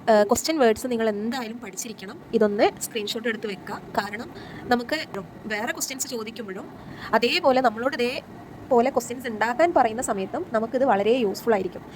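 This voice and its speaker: Over a noisy background, a young woman teacher with a Malayali accent speaks in a fairly high voice during an exam-prep lesson. She works through exam questions step by step, answers her own questions, and reads the textbook text slowly and deliberately.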